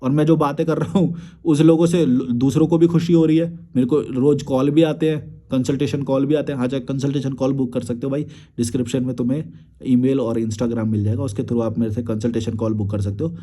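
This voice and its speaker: A man's voice: medium pitch, fairly even intonation, fairly quick, dark tone. A young man, a YouTube creator, replying to viewer comments in a blunt, crude and combative rant with frequent swearing.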